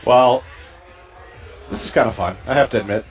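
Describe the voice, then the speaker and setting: A middle-aged man co-hosting a radio show, telling jokes in a dry, deadpan way. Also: mid-range voice, moderate pace, highs cut off. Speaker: radio co-host. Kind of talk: casual banter.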